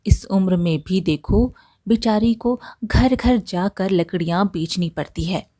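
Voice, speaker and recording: A woman's voice: mid-range voice, a little slow, dark tone, dry recording, clean studio sound, close to an everyday voice. A woman voicing a kind-hearted village woodcutter who speaks in an easygoing, good-natured way.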